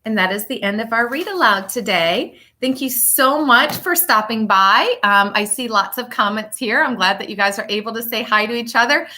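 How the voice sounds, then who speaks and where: Her pitch is a little high as she talks with her class and reads from a picture book. She puts strong expression and emphasis into the reading and pauses on purpose.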